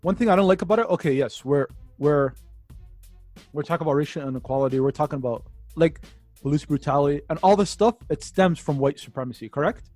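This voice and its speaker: A man from Canada in a casual group chat, telling stories quickly and often asking "you know what I mean". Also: on the high side, no echo, soft background music. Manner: fast, animated storytelling with frequent "you know what I mean".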